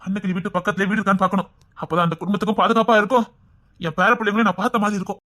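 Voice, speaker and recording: A performer with a Tirunelveli accent playing a tender, doting old grandfather in a comedy skit, talking slowly and fondly. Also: medium pitch, fairly even intonation, pushed and bright, no echo, studio quality, close to an everyday voice. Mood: sorrowful. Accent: Tirunelveli Tamil. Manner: slow, fond and pleading, breaking into sobs. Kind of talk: skit acting.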